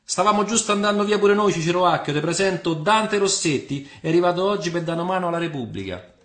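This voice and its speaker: A man's voice: high voice, lively intonation, quick pace, a bit bright, pitched above the performer's own voice. A man voicing an easygoing, teasing young Roman officer with a Roman accent, in a radio play. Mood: friendly. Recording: roomy room with faint music.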